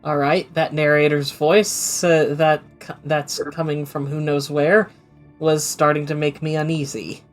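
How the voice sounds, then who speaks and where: Low-voiced woman streamer reading a story game. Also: flat delivery, unhurried, faint music behind. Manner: casual, hesitant asides between narration. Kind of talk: reading a visual novel aloud with friends.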